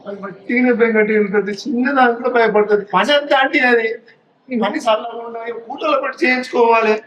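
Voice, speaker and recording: A man's voice: extremely high pitch, fast talker, fairly bright tone, a little hiss or hum. An actor playing a village brother who reassures and chides his sister, with a Telangana accent. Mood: reassuring. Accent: Telangana Telugu. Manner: reassuring, chiding. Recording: echoey, dull sound.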